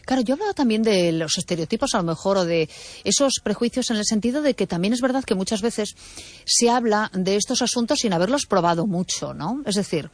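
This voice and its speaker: A woman hosting a casual radio chat, reflective and calm, often murmuring short agreement. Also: mid-range voice, fairly quick, no echo.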